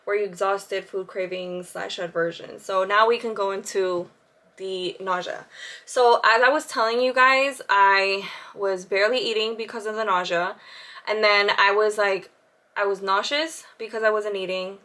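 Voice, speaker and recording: A woman in her thirties talks to her camera in a relaxed, chatty vlog. Her voice is bright and sharp, and she laughs easily and fills her pauses with ums. She keeps talking while she does her makeup. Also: mid-range voice. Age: 30s. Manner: chatty, laughs often, many fillers. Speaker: vlogger. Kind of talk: casual chat to camera. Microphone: camera with side viewfinder.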